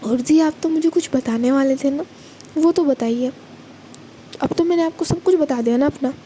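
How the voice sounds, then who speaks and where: A woman's voice: high-pitched, normal speed, dark tone, a little hiss or hum, natural voice. A woman voicing a fierce but tender younger sister who speaks earnestly and protectively in a storybook reading. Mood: pleading.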